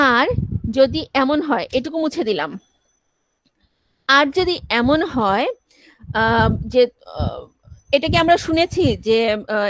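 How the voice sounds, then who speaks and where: A high-pitched woman teaches a class, going through each point step by step and pausing to ask whether her students follow. Her voice sounds close and dry, with almost no room around it. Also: no room sound, rough recording. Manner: explains step by step, often checks understanding. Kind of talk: classroom lecture.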